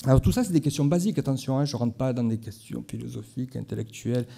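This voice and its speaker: Male conference speaker, Marseille accent, deep mellow tone, chatty delivery with asides to the room. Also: fast talker, vocal fry, husky. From Marseille, France. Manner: conversational, asides to the audience. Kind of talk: conference talk. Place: conference hall.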